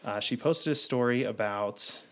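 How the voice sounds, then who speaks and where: A podcast host with a mid-range, slightly bright voice speaks at a measured pace. He rambles with plenty of fillers while introducing his first guest in a casual interview conversation.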